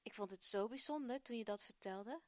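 Woman reading a cheerful caring mum, fairly high voice, dry sound. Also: brisk, bright, forceful tone, no room sound.

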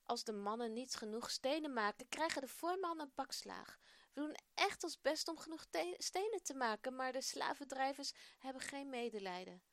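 A woman's voice: high voice, measured pace, no room sound, pitched above the performer's own voice. A woman voicing a weary, devout father who speaks earnestly to his family and pleads in prayer.

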